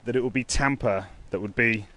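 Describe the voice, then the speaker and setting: A man giving an earnest, halting, unscripted live news report outdoors in a storm, speaking into a phone. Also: mid-range voice, pushed and bright. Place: outdoors near a hotel in a storm. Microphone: phone held by the speaker. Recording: noisy outdoor wind and rain. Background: storm ambience.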